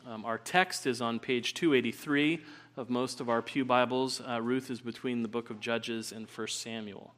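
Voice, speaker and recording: A man preaching a sermon at a pulpit microphone in a church, praying and reading scripture in an earnest, measured way with frequent "uh" fillers. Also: medium pitch, fairly even intonation, fairly bright tone. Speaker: pastor. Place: church sanctuary.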